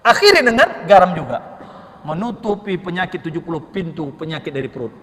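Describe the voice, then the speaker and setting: A man with a high voice delivers a lively mosque sermon full of humor and rhetorical questions. His voice rings with the long reverb of a mosque hall. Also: brisk. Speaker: preacher.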